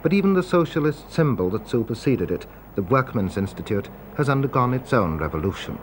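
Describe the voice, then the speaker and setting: Man narrating an old documentary, animated intonation, bit of background noise. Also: mid-range voice, fairly quick. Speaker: television reporter narrating. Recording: faint background noise, archive recording.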